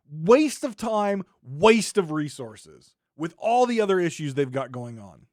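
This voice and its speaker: A podcast host in full rant, sarcastic and exasperated, talking straight into a microphone. The voice leaps up and down with a very lively pitch. The sound is dry and close, with no room around it. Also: dry recording. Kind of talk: ranting podcast monologue.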